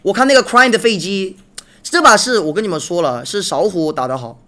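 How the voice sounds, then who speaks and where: A young man streaming live, chatting casually while watching a match and thanking viewers for gifts, repeating himself when excited. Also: high-pitched, fairly quick. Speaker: game streamer.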